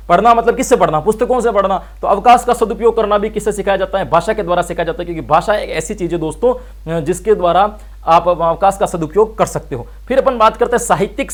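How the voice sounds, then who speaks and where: A male teacher giving an exam-prep lecture, firing rhetorical questions and answering them himself while addressing viewers as friends. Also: high-pitched.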